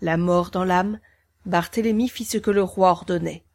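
A woman's voice: on the low side, steady tone, moderate pace, a little mellow. Woman narrating a storybook.

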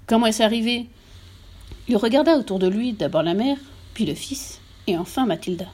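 A woman's voice: medium pitch, a little fast, slightly rough. Woman narrating an audiobook. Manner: lively, expressive storytelling.

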